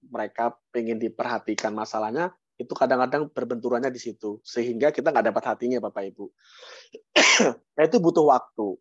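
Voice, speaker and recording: Animated Indonesian man mentoring online. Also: mid-range voice, dry recording. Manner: lively, with sudden rises and repetition for emphasis. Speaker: guest speaker, business mentor. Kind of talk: motivational talk on an online meeting. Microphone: online call microphone. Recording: dry, dull online-call audio.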